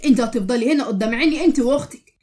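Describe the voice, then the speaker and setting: A woman's voice: fairly high pitch, rapid-fire, dark tone, close to an everyday voice. A woman with an Egyptian accent voicing a kindly, pious older widowed landlady who speaks tenderly. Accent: Egyptian Arabic.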